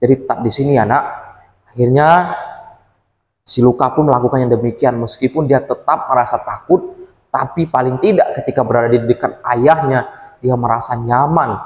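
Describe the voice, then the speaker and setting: A man telling a story to children at church in an animated, gently reassuring manner. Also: mid-range voice, normal speed, muffled recording. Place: church hall. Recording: echoey hall.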